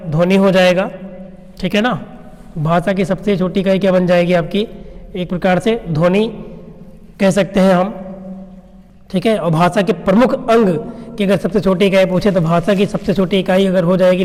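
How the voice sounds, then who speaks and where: A man with a fairly high voice teaches an exam-prep lesson. He poses questions and answers them himself, checking in with his listeners after each point. The sound rings with a long reverb tail. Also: a little mellow. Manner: explains step by step, asks rhetorical questions and answers them; checks in with "है ना" and "ठीक है ना".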